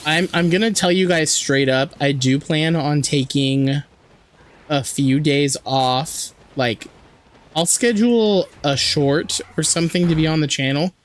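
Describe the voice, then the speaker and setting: A man streaming a video game with a hoarse, sore throat, chatting and joking with his viewers over faint music. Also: fairly high pitch, a little slow. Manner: chatty, joking, reads and answers chat. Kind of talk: casual live-stream chat while playing.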